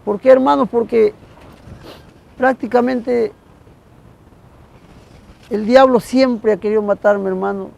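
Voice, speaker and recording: A man telling an emotional religious testimony in a halting way, again and again calling his listener "brother". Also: extremely high pitch, fairly even intonation, gravelly, darkish tone, rough recording. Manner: halting, keeps addressing the listener as "hermano". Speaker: guest giving a religious testimony.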